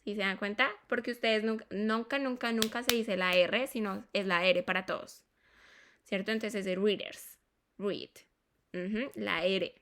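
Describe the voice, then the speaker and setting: A woman's voice: mid-range voice, steady tone, fairly bright tone. A woman teaching English pronunciation, repeating words and checking in with her students. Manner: slow and deliberate, spelling sounds out. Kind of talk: classroom phonetics explanation.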